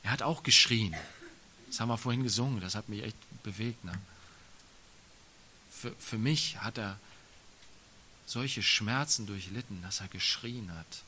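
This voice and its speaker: Bright-voiced man preaching emphatically. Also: fairly low pitch, measured pace, pauses often, slight background noise. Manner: emphatic, colloquial asides with tag questions. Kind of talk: sermon.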